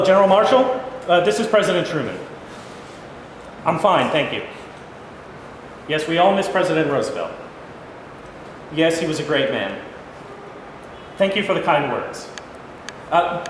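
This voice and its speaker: In a very reverberant hall, a man reads a blunt, exasperated president in a stage play. The voice is high and lively in pitch, with deliberate, emphatic phrasing over faint noise. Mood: cordial, businesslike. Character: President Truman, blunt, exasperated newly informed American leader. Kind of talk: amateur staged reading of a play. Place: indoor hall, staged reading.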